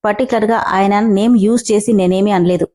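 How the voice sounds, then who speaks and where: A woman's voice: mid-range voice, steady tone, mellow, natural voice. A woman doing a cheeky, defiant young heroine. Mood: defiant mocking. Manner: cheeky, mocking, drawn-out. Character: defiant sharp-tongued young woman employee.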